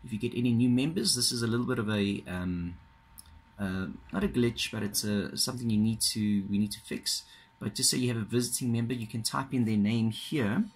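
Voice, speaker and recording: A man giving a casual, halting walkthrough of a computer system, filmed with a phone pointed at the monitor. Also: mid-range voice, breathy edge. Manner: casual, halting, many fillers and restarts. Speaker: software trainer. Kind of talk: screen-recorded software walkthrough. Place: indoors at a desk. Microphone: phone filming a monitor.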